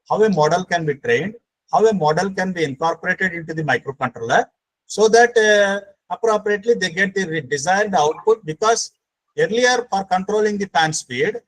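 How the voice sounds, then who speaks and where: Higher-pitched Indian-accented man, emphatic lecturer. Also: low-quality recording. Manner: emphatic, repetitive, frequently says sir. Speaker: speaker at a faculty training session. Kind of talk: explanatory online lecture and Q&A. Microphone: online call microphone.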